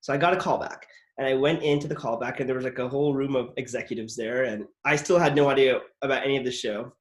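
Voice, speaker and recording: His medium-pitched voice is steady in tone and quick. A podcast host and actor, he shares stories from his acting work on a casual interview show in a rambling manner, with heavy use of "like" and many restarts.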